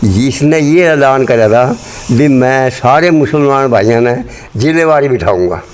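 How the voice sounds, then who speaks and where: This interview features a man in his 80s or beyond, a partition migrant born in Rohtak, Haryana, before partition, who reminisces in a blunt, earthy, meandering way with a Haryanvi accent. His medium-pitched voice is expressive and measured, and the location sound is clearly noisy.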